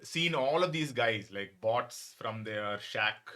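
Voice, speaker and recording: A man's voice: medium pitch, animated, slow, bright, forceful tone. A man with a South Indian accent telling anecdotes casually as an interview guest, often acting out remarks. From Bangalore, India. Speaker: podcast guest, photographer.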